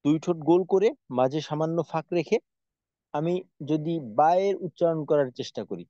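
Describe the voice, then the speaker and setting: A man teaching Quranic pronunciation, patiently demonstrating each sound by repeating it slowly. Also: fairly high pitch, mellow, no echo, lo-fi sound. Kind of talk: spoken lesson on pronunciation.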